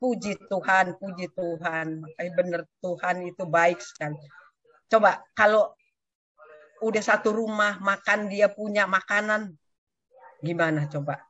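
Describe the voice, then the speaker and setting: An older woman with a mid-range voice shares her personal testimony with her church community, taking her time and leaving long pauses. She tells the story with animation and acts out what other people said. The recording is dull, dry and lo-fi, with no room sound.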